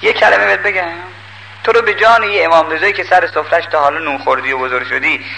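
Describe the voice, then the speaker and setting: An older man preaches with a bright, ringing voice that has a gravelly edge. He is emphatic, pleading with his listeners one moment and scolding them the next. A faint hum runs beneath the radio-like recording. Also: on the high side, rough recording. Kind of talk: sermon.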